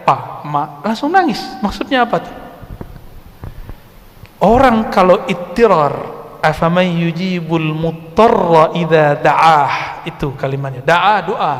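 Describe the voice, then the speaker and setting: High-voiced male preacher in an echoing hall. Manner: conversational, addresses the audience directly, recites Arabic verses. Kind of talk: Islamic study sermon.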